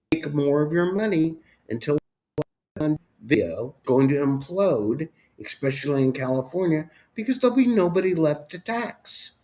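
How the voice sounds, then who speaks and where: A male talk show host ranting sarcastically about politics in an animated, mocking way. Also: a little high.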